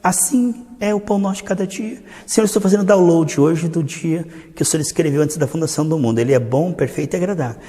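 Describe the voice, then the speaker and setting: A man with a Brazilian Portuguese accent preaching a sermon, telling stories and acting out the dialogue with lively energy. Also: on the high side. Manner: animated storytelling, acting out dialogue. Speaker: pastor. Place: church hall. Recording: long hall reverb.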